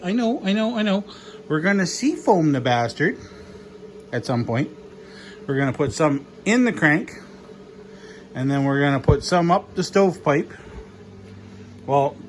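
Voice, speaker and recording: A man's voice: a little high, animated, normal speed, long pauses, a little hiss or hum. A man vlogging about his engine work, rambling and joking as he goes, swearing casually. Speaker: mechanic vlogger. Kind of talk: casual workshop vlog.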